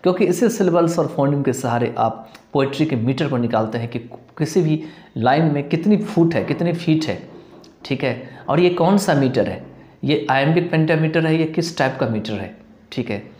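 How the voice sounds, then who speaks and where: Lively Hindi-English teaching man. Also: a little high, normal speed, roomy sound. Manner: mixes English terms and read-out quotes into Hindi, checks with rhetorical questions. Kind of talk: explaining a lesson while writing on a board.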